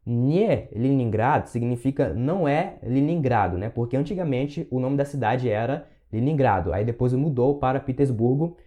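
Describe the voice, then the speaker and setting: A man gives a language lesson in a mellow, dark voice. He talks learners through each word patiently and slows down to repeat phrases so they can copy them. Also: mid-range voice, lively intonation. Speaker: Russian teacher.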